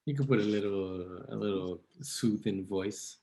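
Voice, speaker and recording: A man co-hosting a casual podcast who asks questions and gives short, calm replies. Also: fairly low pitch, unhurried, a crowd in the background. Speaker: podcast co-host.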